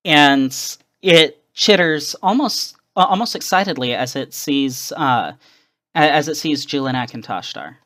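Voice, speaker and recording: A woman's voice: sits low, animated, a little slow, a bit bright. A woman narrating a tabletop game as game master, hesitant, with many ums and small laughs.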